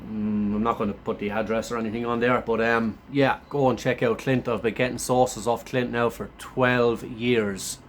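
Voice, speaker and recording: A man's voice: mid-range voice, flat delivery, moderate pace, hardly any pauses, slight background noise. New man with sore-throat voice. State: sore throat, thick hoarse voice; run down after a chest infection. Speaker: food reviewer. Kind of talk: casual chat to camera.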